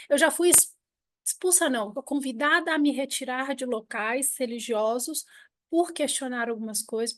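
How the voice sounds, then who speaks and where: A Brazilian woman in her forties with a Brazilian Portuguese accent, teaching a live online lesson with personal stories and an animated, talkative manner. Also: high voice, no room sound, clean studio sound. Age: 40s. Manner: animated, talkative, frequent restarts and laughs.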